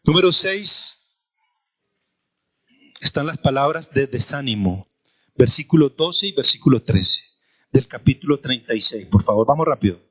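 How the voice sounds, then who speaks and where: A man's voice: mid-range voice, animated, moderate pace, pauses often, sharp tone, slightly rough. A man, a pastor preaching a sermon with an emphatic, repetitive cadence in church. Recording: dull lo-fi church recording.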